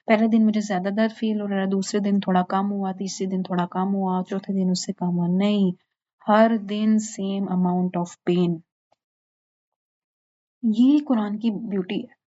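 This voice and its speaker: A woman teaching tajweed, explaining in mixed with English and reciting verses slowly to show mistakes. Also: mid-range voice, warm tone. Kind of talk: informal online lesson. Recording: dull lo-fi recording.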